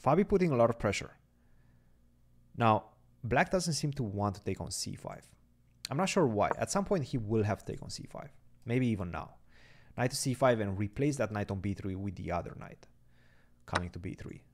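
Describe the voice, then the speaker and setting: A man's voice: on the low side, animated, moderate pace. A young man giving chatty live chess commentary, thinking aloud about the moves and chatting with viewers.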